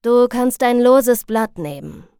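A woman's voice: on the high side, animated, slow, mellow, smooth, no room sound, studio quality. A woman voicing a stern, dryly sarcastic male chemistry teacher with a firm, lightly mocking manner.

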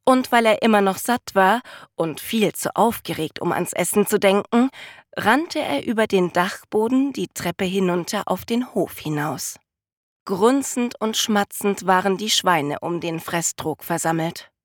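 Slow, calm woman reading a storybook. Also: mid-range voice, dry recording, studio quality. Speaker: narrator. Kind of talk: storybook read-aloud narration.

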